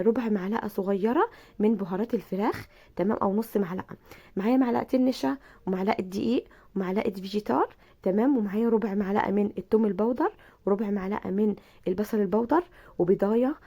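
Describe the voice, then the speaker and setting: A woman with an Egyptian Arabic accent, hoarse from a bad cold, chatting through a cooking tutorial and speaking warmly to her viewers. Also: mid-range voice. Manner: chatty, repeats herself, addresses viewers affectionately. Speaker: cooking channel host.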